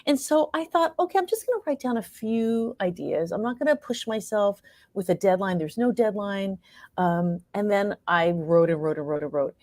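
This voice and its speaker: An expressive, slightly mellow mid-range voice at normal speed belongs to a middle-aged American playwright and actor. She's an interview guest, reflecting and animatedly performing her own thoughts as she recounts stories, in clean studio sound with no echo.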